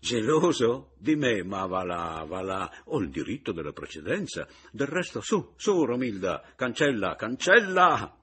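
A man doing a booming, teasing man toying with a rival. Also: big pitch swings, unhurried, hardly any pauses, slightly rough, exaggerated voice. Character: mocking, jovial man back from the dead.

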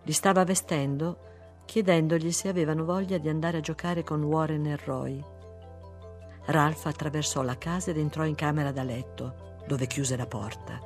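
Measured literary audiobook narrator. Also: mid-range voice, steady tone, soft background music.

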